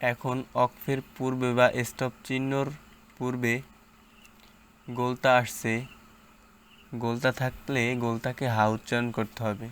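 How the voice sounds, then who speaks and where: A man's voice: medium pitch, flat delivery, slight background noise. A man teaching Quran reading, patiently spelling out letters and sounding each syllable. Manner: patient, step-by-step drilling, recites louder and slower. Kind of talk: spelling out and reciting letters slowly.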